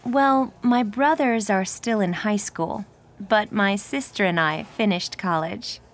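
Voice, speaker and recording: A woman's voice: mid-range voice, takes it slowly, close to an everyday voice. An actress playing a cheerful young woman in her twenties who talks about her hometown and family in a textbook dialogue.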